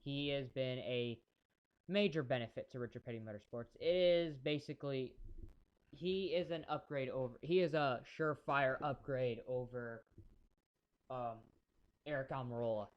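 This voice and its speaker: A man's voice: medium pitch, moderate pace, clean tone, highs cut off. A man giving casual live-stream commentary on a race, chatty and rambling, talking to his chat viewers.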